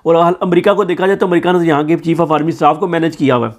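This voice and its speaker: A man's voice: fairly high pitch, steady tone, very fast. Sarcastic Pakistani man, political commentary. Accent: Pakistani Urdu. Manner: sarcastic, mocking. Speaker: news commentator.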